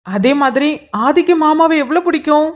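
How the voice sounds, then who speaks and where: Cartoon role: a woman playing a soft-spoken aunt coaxing a child, high voice, dull lo-fi recording. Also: expressive, moderate pace. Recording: dull lo-fi sound.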